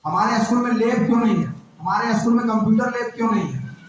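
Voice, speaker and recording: High-voiced man questioning a crowd, echoing room. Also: fast, highs cut off. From Jharkhand, India. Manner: keeps firing rhetorical questions at listeners. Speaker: activist speaker. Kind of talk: public address to a gathering. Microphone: far from the mic. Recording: very echoey room, distant mic, faint noise.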